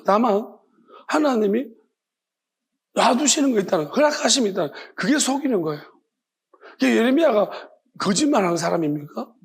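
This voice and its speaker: Husky-voiced man preaching with passion. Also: high-pitched, darkish tone. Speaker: pastor. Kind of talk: Friday worship sermon.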